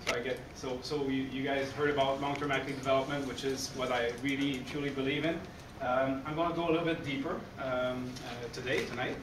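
A Quebec City man in his forties with a Québécois French accent gives an energetic, chatty conference presentation to coaches, often checking in with "okay?". He speaks at medium pitch in a dark hall in front of a screen. A distant camera captures him, so the recording is echoey, far-off and noisy.

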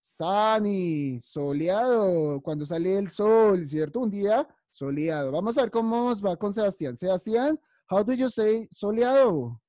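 A woman's voice: medium pitch, animated, a little slow, warm tone, dry recording, studio quality. A woman teaching young children English vocabulary on a video call, patient and encouraging as she calls on each child by name. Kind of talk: online class teaching vocabulary.

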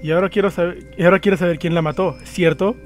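Man voicing creepy teenage twins, bossy, calm, fairly high voice, faint music. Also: fast talker, lightly acted. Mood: eerie, calm. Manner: reads calm, insistent dialogue from the screen. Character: eerie teenage twin sisters, bossy, knowing.

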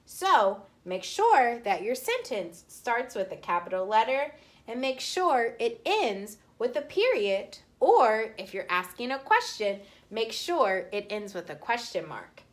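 A woman teaching kindergartners, speaking slowly and sounding out words for young children. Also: fairly high pitch, sing-song. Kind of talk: slow, clear classroom instruction.

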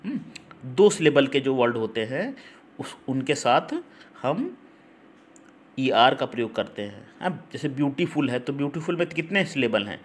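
A man of ordinary pitch teaches English grammar in a Hindi-language class. He keeps checking in with listeners and spells words out letter by letter. A faint background noise sits under the voice. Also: sing-song, moderate pace. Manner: repetitive, checks in with listeners (ठीक? हम्म?). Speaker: English teacher for exam prep.

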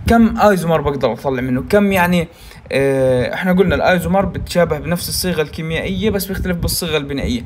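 A man with a Levantine Arabic accent teaching a recorded university class. He talks quickly in a high voice, walking through each step and checking often that his students follow. He drops English science terms into his Arabic. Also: slight background noise. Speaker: university tutor. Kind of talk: recorded lecture.

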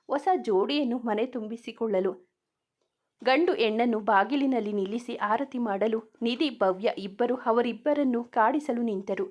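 A woman's voice: fairly high pitch, darkish tone. A woman reading a romance story aloud, narrating and speaking every character in the same voice.

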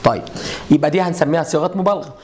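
A man's voice: on the high side, rapid-fire. A middle-aged man with an Egyptian accent, teaching Arabic grammar at a board and explaining step by step with repeated rhetorical questions to his students. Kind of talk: classroom lesson at a whiteboard.

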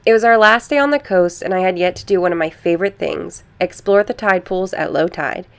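A woman narrating her coastal road trip as a travel vlogger, calm and informative. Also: fairly low pitch, a little fast. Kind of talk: travel vlog voice-over narration.

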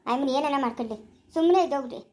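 A young village husband, played by a performer speaks with a rural Chikkaballapura Kannada accent, quick and soothing. His voice sits high and light. He stays steady and low-key. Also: natural voice. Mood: reassuring. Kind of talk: village family drama acting.

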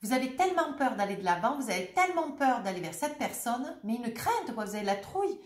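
A woman's voice: fairly high pitch, big pitch swings, a little fast, reverberant. A woman with a head cold giving a casual, jovial tarot reading to her viewers, chatty and full of little filler tags. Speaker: tarot reader.

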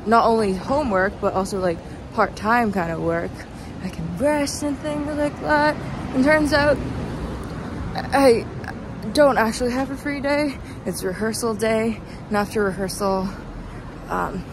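At night on a noisy city street, a young woman vlogger and student performer walks and chats aimlessly, filming on a phone held at arm's length. Worn out from lack of sleep, she talks in a halting, rambling, self-deprecating way in a mid-range voice. Traffic ambience runs underneath.

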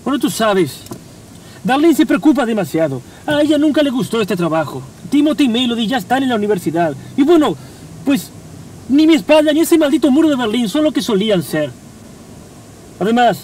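A man's voice: very high-pitched, lively intonation, brisk, a little mellow, distant mic, rough recording. An actor playing a weary family-man cop dreaming of retirement, rambling and melodramatic in a buddy-cop parody. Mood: resigned, earnest. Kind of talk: parody of dubbed American buddy-cop show. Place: inside a parked car. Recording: off-mic in car, faint traffic.

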